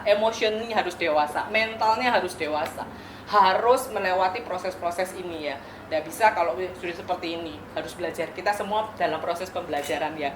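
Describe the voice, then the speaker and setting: A woman's voice: medium pitch, a little hiss or hum. Woman pastor preaching in an echoey venue. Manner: warm teaching tone with playful asides and rhetorical questions. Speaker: pastor officiating a wedding. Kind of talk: wedding sermon. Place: church or wedding venue. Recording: echoey venue with faint ambience.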